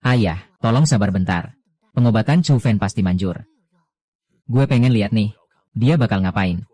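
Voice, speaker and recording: A man narrating an anime recap in casual slang, reading every character's lines in one steady voice. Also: fairly low pitch, normal speed.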